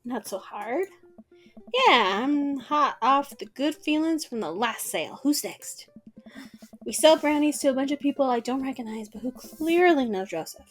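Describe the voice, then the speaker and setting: A woman's voice: sits high, animated, faint music behind. Playful woman reading a game aloud. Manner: playful, jokey, quick asides. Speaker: let's-play host.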